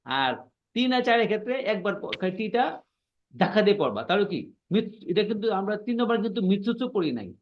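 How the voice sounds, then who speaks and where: Male language teacher, fairly high voice, patient and repetitive, checks understanding often; muffled online-class audio. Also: animated, fast. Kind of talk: online class explaining pronunciation.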